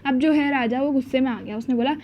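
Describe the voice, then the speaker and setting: A woman teacher explaining a school story chapter, mixing languages, acting out the quotes and reading English lines slowly. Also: high-pitched, darkish tone, a little hiss or hum. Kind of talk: storybook lesson in Hindi and English. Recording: dull lo-fi sound.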